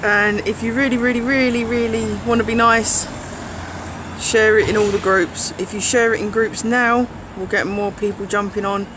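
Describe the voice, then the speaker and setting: A man's voice: sits high, little pitch movement, normal speed. A man co-hosting a casual livestream, urging viewers on emphatically and repeating words for stress. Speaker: livestream co-host. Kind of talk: casual live chat urging viewers to share. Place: outdoors on a London street. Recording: outdoor phone stream with street noise.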